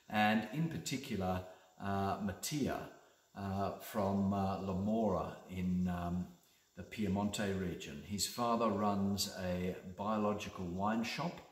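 A middle-aged man, a winemaker, leading a casual wine tasting with an enthusiastic, rambling delivery full of fillers. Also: deep voice. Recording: echoey room.

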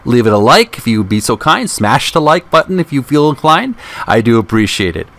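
The host narrates a book and addresses viewers politely, stumbling here and there and correcting himself, with music in the background. He talks a little fast at medium pitch, his voice a bit bright and moving through big pitch swings.

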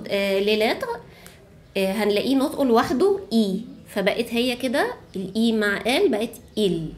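A woman with an Egyptian accent co-hosting a French lesson in an encouraging teacher tone. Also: a little high. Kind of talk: bilingual classroom lesson.

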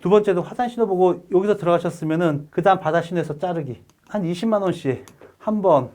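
Brisk high-voiced trading instructor man. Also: darkish tone. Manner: brisk, coaching, asks the viewers questions. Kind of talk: screen-recorded chart lesson.

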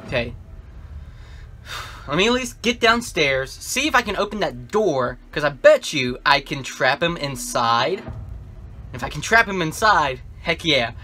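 A man's voice: a little high, sing-song, measured pace, bright, forceful tone. A young man giving casual commentary on a horror game, thinking aloud to himself as he plays. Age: young adult. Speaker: gamer playing a horror game with facecam.

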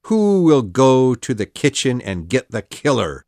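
A woman voicing a cruel, bullying male pirate captain in a storybook reading, drawing out her threats slowly. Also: very deep voice, very animated, dark tone, dry recording, studio quality, voice pushed down, heavily acted. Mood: threatening. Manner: growling threats, slow and drawn out.

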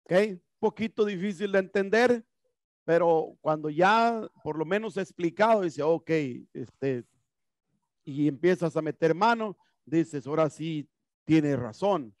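His voice on the high side and animated, a man in his thirties lectures at a measured pace on HVAC, explaining as he asks and answers his own questions. He's in a classroom with a whiteboard and HVAC equipment, using a headset mic. The sound is clean and studio-like, with no echo.

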